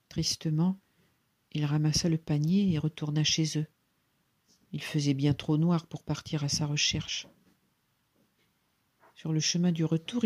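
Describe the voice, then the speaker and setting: Husky storybook narrator. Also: mid-range voice, dark tone. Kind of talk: storybook reading aloud.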